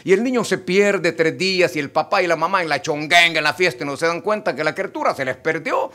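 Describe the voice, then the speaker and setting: A middle-aged male pastor delivers an emphatic sermon. His fairly high voice rises and falls in a lively way as he speaks straight to the congregation. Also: a little fast. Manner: emphatic preaching, addressing the congregation directly.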